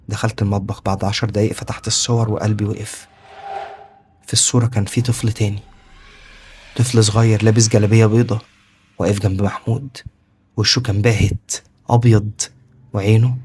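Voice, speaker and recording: Fast, hushed Egyptian horror narrator. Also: male voice, lowish voice, husky. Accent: Egyptian Arabic. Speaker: storyteller.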